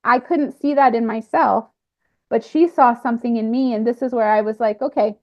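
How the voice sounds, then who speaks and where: A woman talking through a personal spiritual experience in a reflective monologue, pausing and restarting often. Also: fairly high pitch. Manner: halting, with frequent fillers and restarts. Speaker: speaker sharing a personal spiritual account. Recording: slightly muffled lo-fi recording.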